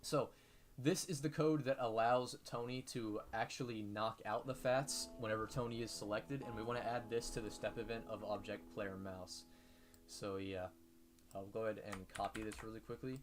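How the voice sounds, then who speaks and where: Low-voiced man, halting coding tutorial. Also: steady tone. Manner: halting, many fillers and self-corrections. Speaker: modding tutorial host. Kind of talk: casual screen-recorded coding tutorial. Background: background music.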